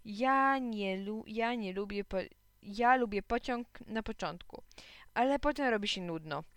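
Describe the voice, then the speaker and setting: A woman narrating a children's story in a lively, playful way. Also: mid-range voice, a little slow, clean tone, no echo. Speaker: audiobook narrator.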